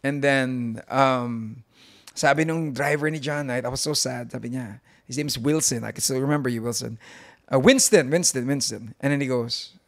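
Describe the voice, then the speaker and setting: A man in his forties from Los Angeles, a guest in a casual interview, telling his story in a lively way and switching between English and Tagalog. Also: medium pitch, moderate pace, creaky. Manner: animated storyteller, mixing in Tagalog.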